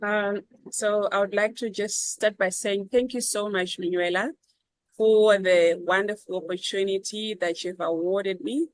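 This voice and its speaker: Zimbabwean lady, earnest and measured, lots of ums, dry close sound. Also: mid-range voice, fairly even intonation, dry recording, rough recording. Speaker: guest. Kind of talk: reflective interview answers.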